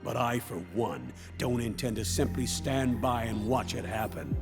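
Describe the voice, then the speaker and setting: A man playing a grave, commanding middle-aged military officer who delivers a measured video game mission briefing. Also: mid-range voice, vocal fry, over music, lightly acted.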